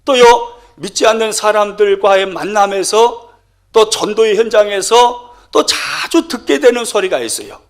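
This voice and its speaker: A man's voice: very high voice, a bit bright. A middle-aged male pastor preaching a sermon with emphatic, sharply rising and falling delivery.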